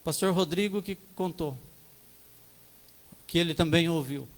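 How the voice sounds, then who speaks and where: High-voiced Brazilian preacher telling a parable. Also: male voice, unhurried, poor audio. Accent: Brazilian Portuguese. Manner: storytelling preacher, addresses congregation as brothers. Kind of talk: sermon. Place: church service.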